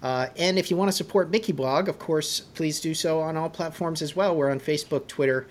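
A man's voice: on the high side, brisk, a little hiss or hum. A man hosting a podcast, talking casually and often restarting and repeating his words as he wraps up the episode. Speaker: podcast host.

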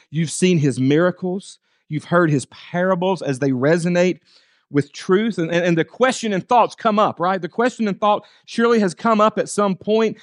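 A man's voice: high-pitched, no echo, studio quality. A man preaching a sermon, speaking directly to his listeners with emphatic repeated phrases and rhetorical questions. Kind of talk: sermon to a congregation with teenagers and parents.

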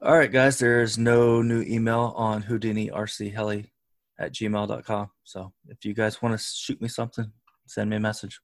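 A man's voice: lowish voice, flat delivery, normal speed, no room sound, studio quality. A man hosting a hobby podcast, signing off in a laid-back, joking way. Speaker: podcast host. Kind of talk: casual podcast sign-off.

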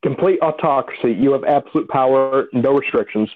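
Guy calling in on a crappy tinny phone line, mid pitch, decisive, lists his points. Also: a little fast. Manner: decisive, lays out numbered points. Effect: muffled tinny phone line. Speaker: caller. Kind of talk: call-in chat on a live show. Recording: tinny low-quality phone call.

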